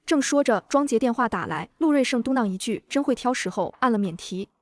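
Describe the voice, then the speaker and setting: Woman voicing a young heroine, cold and calm, slightly high, vengeful first-person narrator. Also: a little fast, no echo, clean studio sound, close to an everyday voice. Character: cool-headed reborn young woman, vengeful. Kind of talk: dramatic audio narration.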